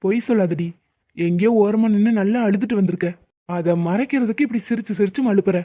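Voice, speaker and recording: A woman's voice: medium pitch, brisk, dry recording, natural voice. A woman voicing a heartbroken young man in a cartoon drama, talking in a pleading, emotional way. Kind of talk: cartoon voice acting. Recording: dry, phone-like lo-fi.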